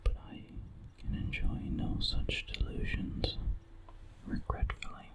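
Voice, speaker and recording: ASMR story narrator: fully whispered, right in the ear, very slow and measured. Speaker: narrator reading a horror story. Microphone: very close ear-to-ear ASMR microphone.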